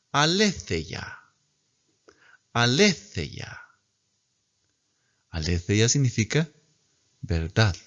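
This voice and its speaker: A man teaching a class in a slow, patient way, repeating words for students to copy. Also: lowish voice, creaky, dull audio. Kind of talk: recorded lecture.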